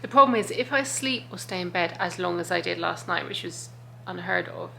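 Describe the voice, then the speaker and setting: A woman's voice: on the low side, a little fast, creaky, bright, forceful tone, slight background noise, low-quality recording. A woman chatting casually and informally to camera as a travel vlogger, rambling and confiding.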